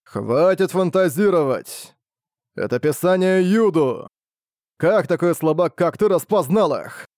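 A man reading an audiobook, voicing a menacing male demonic spirit that speaks inside a hero's head with scornful, booming threats. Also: expressive, a little slow, darkish tone, dry recording, studio quality.

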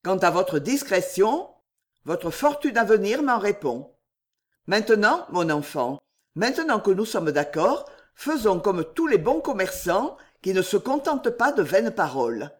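A reader voicing a scheming, powerful male general in an audiobook, speaking in a measured, commanding way. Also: medium pitch, sing-song. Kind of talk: audiobook reading.

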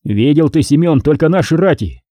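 A man's voice: fairly high pitch, lively intonation, normal speed, dark tone, dry recording, studio quality, natural voice. A man voicing a stubborn, grim medieval envoy back from the Horde. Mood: grave. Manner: stubborn, grave.

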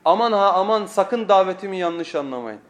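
A man's voice: high voice, lively intonation, a little fast, a bit bright. A man preaching a weekly sermon lesson at a pulpit microphone, emphatic, repeating phrases and putting rhetorical questions to his listeners.

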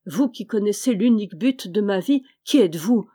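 Woman voicing loyal burly squire, urgent and raised, mellow tone, storybook reading. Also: mid-range voice, animated, normal speed, husky. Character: loyal burly male squire, honest, excitable.

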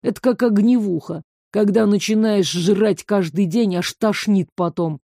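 A woman's voice: medium pitch, unhurried, mellow, no room sound. A woman playing a lecherous male bodyguard, crude, pushy, leering, dry. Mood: confiding.

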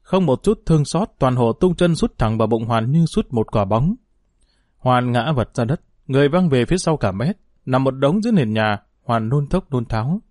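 A man narrating a storybook with a steady, measured reading. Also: mid-range voice, dry recording, clean studio sound. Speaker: audiobook narrator.

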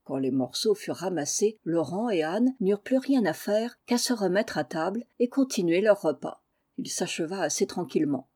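Calm female audiobook narrator, mellow tone. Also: fairly low pitch, normal speed, slightly rough. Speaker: reader.

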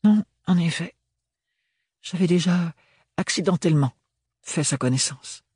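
Dude doing a fed-up young woman, higher pitched, sharp, indignant, husky dry audiobook. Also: a little slow, dry recording. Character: exasperated young woman in glasses.

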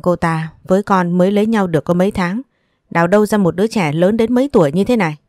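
A woman's voice: on the low side, fast talker, darkish tone, no room sound, studio quality, lightly acted. A woman voicing an angry older mother-in-law who scolds sharply. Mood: angry scolding.

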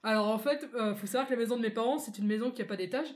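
A woman co-hosting a casual podcast, telling lively anecdotes. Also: on the high side, racing. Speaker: podcast co-host. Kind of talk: casual round-table chat.

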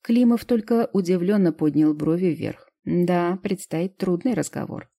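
A woman reading first-person narration from an audiobook in an even, measured way. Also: lowish voice.

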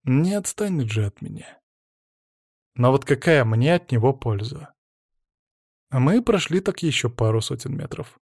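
Lively male audiobook narrator. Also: medium pitch, a little slow, long pauses, slightly rough, no room sound, studio quality. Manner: expressive, varied storytelling. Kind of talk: first-person audiobook narration.

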